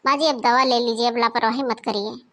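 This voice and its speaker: A woman voicing a dutiful, polite elder daughter-in-law in a cartoon, speaking softly and respectfully. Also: on the high side, fairly even intonation, a little fast, natural voice. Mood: caring. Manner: soft, respectful speech. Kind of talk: cartoon voice acting.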